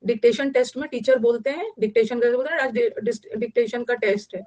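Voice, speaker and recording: Young Indian woman teacher, higher voice, repeats each word as she explains it. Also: fairly quick, darkish tone. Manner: explains in Hindi mixed with English, repeating words. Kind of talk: online vocabulary class.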